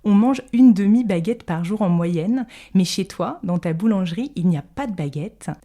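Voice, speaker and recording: A woman hosting a podcast, narrating an intro and asking interview questions in a measured, gently hesitant way. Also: mid-range voice, expressive. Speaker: podcast host.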